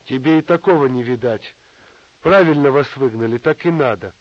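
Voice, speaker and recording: A man voicing a quarrelsome young woman who is fierce one moment and tearful the next, in a high, sharp voice. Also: normal speed, dry recording, natural voice. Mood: scornful. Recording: slightly dull lo-fi audio.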